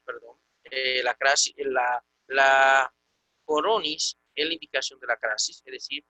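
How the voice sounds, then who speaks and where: A man teaching a Greek class over a video call, explaining patiently and repeating words slowly. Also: fairly high pitch, sharp tone, no room sound, rough recording. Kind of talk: online class lesson.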